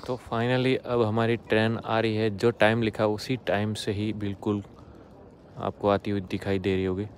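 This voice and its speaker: Holding his phone out at arm's length, a young Indian travel vlogger addresses his viewers chattily from a railway platform outside at night, going quiet near people asleep there. He speaks at a moderate pace in a fairly low, flat voice, with slight background noise.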